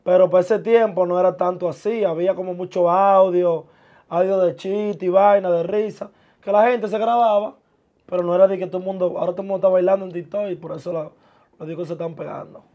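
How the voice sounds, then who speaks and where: A young man, a guest chatting casually and laid-back in a small studio, full of street slang and trailing off softly. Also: high voice, fairly even intonation, fast, highs cut off. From born in the US, of Dominican parents. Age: young adult. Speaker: guest, musician and TikToker. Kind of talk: casual interview talk. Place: small indoor studio with sofa chairs.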